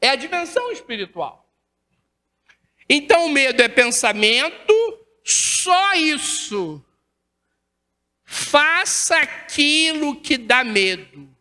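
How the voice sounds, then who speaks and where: In a reverberant lecture hall at a spiritist center, a woman with a Rio de Janeiro Brazilian Portuguese accent gives a lecture. Her high, bright voice moves in a slow, sing-song way with frequent pauses and a forceful tone. She asks rhetorical questions, keeps ending sentences with tag questions to the audience, and acts out dialogues.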